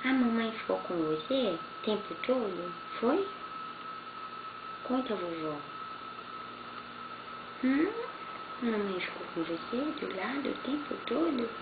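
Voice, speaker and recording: A woman's voice: on the high side, animated, slow pace, long pauses. A grandmother, chatting in coaxing, sing-song baby talk to a little grandchild, full of affectionate questions. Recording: tinny, echoey, noisy home video.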